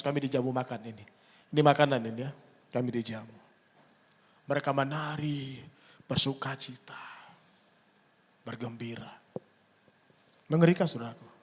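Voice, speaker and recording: A middle-aged man preaching a sermon, telling stories and acting out the dialogue with lively energy. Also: mid-range voice. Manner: animated storytelling, acting out dialogue. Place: church hall. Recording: long hall reverb.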